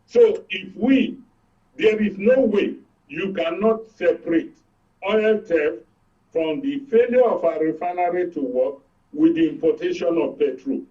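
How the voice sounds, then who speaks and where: Speaking unhurriedly in a high, animated voice, this Nigerian-accented man serves as an expert commentator on a live panel, emphatically laying out his reasoning step by step with check questions and everyday analogies. The recording is muffled, roomy, and distant-miked, with clear noise and clicks.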